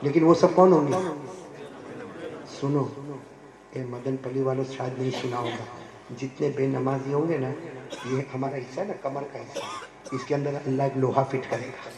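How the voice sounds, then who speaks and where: A man with a Gujarati accent preaching a humorous sermon, telling jokey stories and breaking into loud exhortation. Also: medium pitch, steady tone, pauses often. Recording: echoey hall with crowd.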